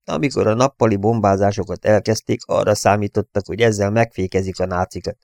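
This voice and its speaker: A man with a low, gravelly voice reads a novel aloud at a calm, even pace. The recording is close and dry, with no room sound. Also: no room sound. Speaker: audiobook reader. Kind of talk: audiobook narration.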